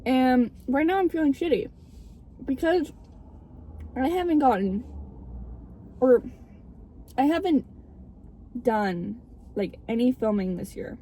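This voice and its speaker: Recorded roughly inside a car, a young woman vlogs casually, her high, mellow voice animated yet slow, broken by long pauses. She's frank and a touch theatrical, with frequent swearing, and car noise sits behind her.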